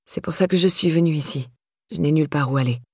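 A withdrawn, grieving young woman with a raspy, tired voice, as a woman reading the story puts her on. She speaks curtly, with quiet irritation, pitched well below the reader's own voice. The recording is close and dry. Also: quick pace, no room sound. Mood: irritated. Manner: curt, irritated.

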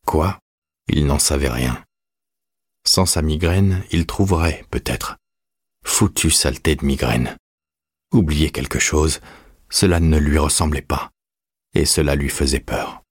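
A man reading an audiobook in measured, even scripted narration. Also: very deep voice, husky, no echo, clean studio sound.

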